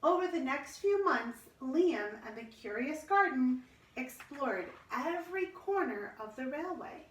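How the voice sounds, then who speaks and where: A woman reading a children's storybook aloud in an expressive, measured storytelling manner. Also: high voice, slight background noise. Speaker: storybook reader. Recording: roomy echo, distant microphone.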